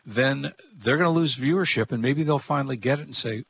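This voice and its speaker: A middle-aged or older man chats as a co-host, plain-spoken and a bit rambling. His voice is quite creaky and gravelly at a medium pitch. The audio is dull, with faint noise behind him. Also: brisk, a bit bright. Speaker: talk show co-host. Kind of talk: casual chat.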